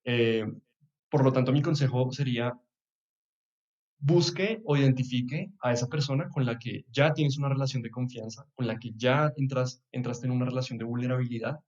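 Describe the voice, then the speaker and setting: A man's voice: medium pitch, moderate pace. Thoughtful Bogotá man, slightly muffled sound. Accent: Bogotá Colombian Spanish. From Bogotá, Colombia. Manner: reflective, chuckles often, trails off with soft asides. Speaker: podcast guest. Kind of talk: casual chat.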